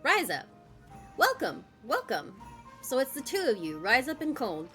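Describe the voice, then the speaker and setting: A woman's voice: high voice, huge pitch swings, a little slow, sharp tone, faint music behind, full character voice. A woman voicing a polite, formal male village registrar greeting newcomers. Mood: welcoming.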